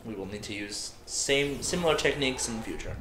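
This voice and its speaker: A man's voice: medium pitch, expressive, a little fast. A man hosting a let's play, joking and sarcastic in casual gaming commentary. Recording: echoey room with background noise.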